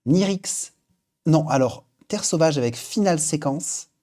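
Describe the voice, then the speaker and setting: A man chats casually as the host of a live stream. His voice is warm and mellow, and he keeps things relaxed and friendly, reading out viewer names and filling pauses with frequent hesitations. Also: on the high side. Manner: chatty, reads viewer names aloud, frequent fillers. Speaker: livestream host. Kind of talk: casual livestream chat.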